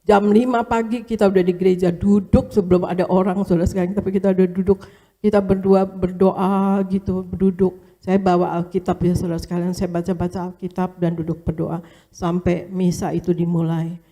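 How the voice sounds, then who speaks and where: Mellow-voiced woman telling a church testimony. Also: lowish voice, level tone, brisk. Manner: storytelling, often addressing listeners as brothers and sisters; casual colloquial speech with fillers and repetitions. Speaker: pastor's wife giving a testimony.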